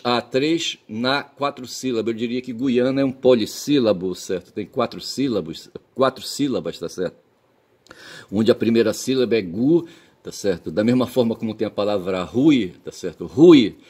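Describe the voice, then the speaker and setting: With a mid-range, somewhat dark voice, a Brazilian man hosting a channel talks on his own in Brazilian-accented Portuguese, wandering from point to point. He keeps tacking "tá certo?" and "sabe?" onto his phrases to check the listener is following. The tone is pedantic yet folksy and blunt, with a swear word here and there.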